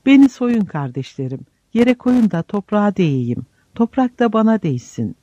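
A male narrator voices a serene old friar on his deathbed, tender and solemn, his tone raised a little above the narration. The voice is mellow and warm, and the recording is dry, dull and slightly lo-fi. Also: high-pitched, sing-song, normal speed, no room sound, pitched above the performer's own voice. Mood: tender farewell. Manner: soft, solemn farewells.

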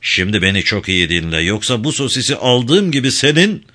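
A man voicing a gruff, sardonic detective. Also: fairly low pitch, big pitch swings, normal speed, bright, forceful tone, heavily acted. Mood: dry. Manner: dry, grumbling.

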